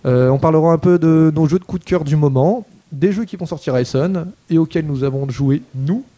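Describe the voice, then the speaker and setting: A man's voice: on the high side, a little fast, mellow. A man hosting a casual radio chat show and introducing his guests. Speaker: host.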